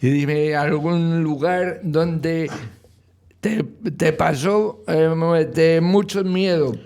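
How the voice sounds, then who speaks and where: A man, interviewing a guest with short, unhurried prompting questions. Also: on the high side, fairly even intonation, a little mellow, clean tone. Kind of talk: casual interview.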